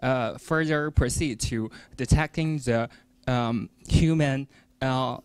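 A man's voice: mid-range voice, clean tone, dry recording. A man in the audience asking a hesitant, wordy question after a lecture. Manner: halting, many fillers and restarts, searching for words. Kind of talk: conference Q&A question. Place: lecture hall.

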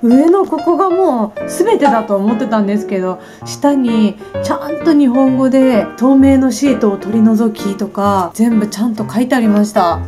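A woman in her forties chatting casually in a beauty vlog, polite and flustered, laughing at herself often. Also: sits high. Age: 40s. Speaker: beauty vlogger. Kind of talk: casual unboxing vlog chat. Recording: background music clearly audible.

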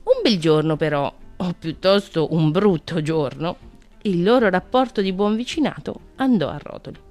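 Expressive Italian-speaking storybook reader woman. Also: fairly low pitch, moderate pace, soft background music. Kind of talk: storybook reading.

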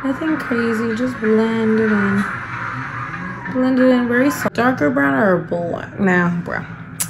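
A woman's voice: fairly high pitch, slow pace, music in the background, rough recording. A young woman talking casually and playfully to the camera, and partly to herself, as she applies makeup. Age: young adult. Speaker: beauty vlogger. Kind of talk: casual get-ready-with-me chat while doing makeup. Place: indoor room at home.

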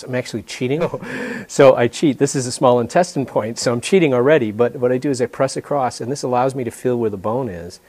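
A man's voice: mid-range voice, darkish tone. An older man in his sixties, a martial arts instructor, explaining a technique while demonstrating it on a partner in a dojo. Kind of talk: hands-on demonstration. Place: dojo indoors.

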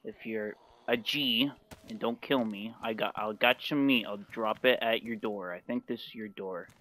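A man's voice: lowish voice, normal speed, pushed and bright. A man playing a survival game, chatting in voice chat in a joking, jumpy way and swearing casually. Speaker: gamer streamer.

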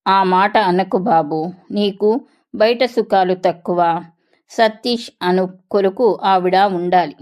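A woman's voice: medium pitch, takes it slowly, darkish tone, lightly acted. A woman narrator voicing a domineering, harsh older mother-in-law who scolds sharply in a storybook reading. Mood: coaxing.

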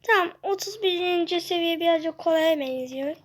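A child giving excitable commentary while playing a video game, talking to themself. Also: extremely high pitch, moderate pace. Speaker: gamer. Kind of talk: gameplay commentary.

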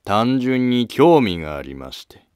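In scripted historical drama dialogue, a man plays a polite, probing court noble, using formal, deferential, insinuating phrases in a courteous, probing mood. His mid-range voice has big pitch swings and a darkish, clean tone, delivered unhurriedly. The studio sound is clean with no room sound.

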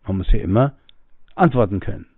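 A man's voice: lowish voice, lively intonation, a little fast, breathy edge, no room sound. A man giving a spiritual teaching in a musing way, acting out the voices of the people he quotes and breathing audibly as he talks. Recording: tinny phone-like audio, dry.

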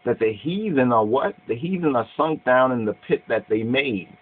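A man's voice: mid-range voice, animated, moderate pace. A middle-aged man preaching and commenting on scripture in Rastafarian speech, emphatic and repeating his phrases, recorded on a webcam in a small room. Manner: Rasta speech, saying "I and I" and "Jah"; emphatic, repeating phrases, checking "you understand". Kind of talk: sermon with scripture reading and commentary. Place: small cluttered room indoors. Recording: thin phone-like webcam sound.

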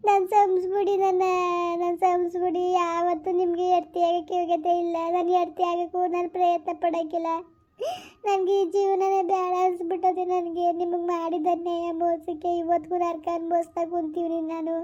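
A woman's voice: extremely high pitch, completely flat delivery, normal speed, dark tone, highs cut off. A woman playing a remorseful young village wife who begs her husband's forgiveness, speaking in a tearful, pleading way. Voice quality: tearful, begging. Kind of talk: village family drama acting.

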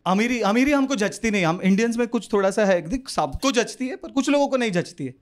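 A young man with a Mumbai Hindi accent doing an animated stand-up set on a club stage, swinging his voice into quick street characters. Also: high voice. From India. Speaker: stand-up comedian. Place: comedy club stage with live audience. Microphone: handheld stage mic. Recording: live club recording with audience laughter.

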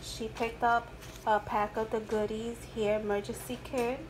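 A middle-aged woman, off-screen, narrating a shopping haul in a slow, chatty, upbeat way, recorded at home on a camera mic. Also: a little high, little pitch movement. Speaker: haul vlogger. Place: indoors at home, rain outside. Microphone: camera mic, off-screen, hands in frame. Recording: rain noise in background.

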